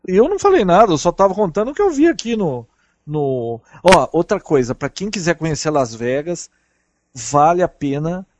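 Over a casual call, a traveling podcast guest from Brazil spins lively travel tales in a Brazilian Portuguese accent. He talks at normal speed in a fairly high voice, with background noise present.

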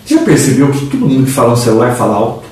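A man's voice: racing, recorded from a distance. Explaining man in an echoey room. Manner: explanatory, lively pitch swings. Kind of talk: casual tech chat.

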